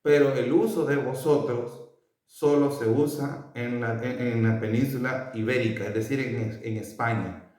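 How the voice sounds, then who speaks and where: Slow Salvadoran man teaching, echoey room. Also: medium pitch, steady tone, darkish tone. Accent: Salvadoran Spanish. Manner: slow, repeats each word for learners. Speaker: language teacher. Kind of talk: casual spoken lesson. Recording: very echoey room, voice far from mic.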